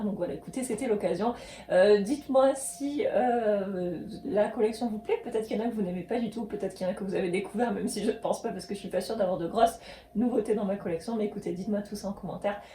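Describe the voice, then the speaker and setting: A woman in her thirties with a mellow, warm tone talks casually to her viewers. She gushes happily over what she shows and keeps stopping on small hesitant fillers. Her pitch sits in an ordinary middle range. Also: slight background noise. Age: 30s. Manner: gushing, hesitant with many fillers. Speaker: coloring book vlogger. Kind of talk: casual show-and-tell chat.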